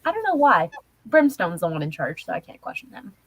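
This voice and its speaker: A woman's voice: lowish voice, wildly swooping pitch, fairly quick, slightly rough, rough recording. A woman cosplayer answering questions in character on a livestream, rambling with lots of fillers and hesitations. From Australia.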